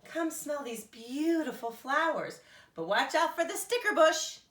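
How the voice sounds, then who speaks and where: A woman voicing a big yellow bird in a children's storybook, friendly, naive and curious, speaking with simple-hearted emphasis. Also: sits high, expressive, a little slow, reverberant, distant mic, voice pushed up. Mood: friendly, excited.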